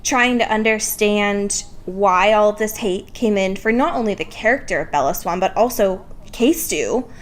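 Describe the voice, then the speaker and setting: A twenty-three-year-old woman co-hosts a podcast, chatting casually about books in an informal, wry way, poking fun at herself and swearing casually. Her voice is mid-range and a little slow, with few pauses.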